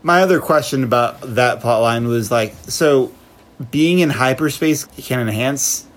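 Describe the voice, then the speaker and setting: A man's voice: mid-range voice, a little slow. A man co-hosting a casual discussion, asking questions and laughing easily. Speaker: podcast co-host. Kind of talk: casual chat.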